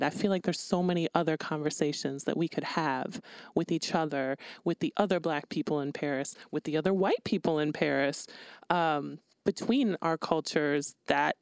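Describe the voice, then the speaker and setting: Woman co-host with a creaky, low voice, musing out loud in a casual way. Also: no echo. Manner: reflective, rambling with fillers like "like" and "um". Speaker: podcast co-host. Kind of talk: casual podcast conversation.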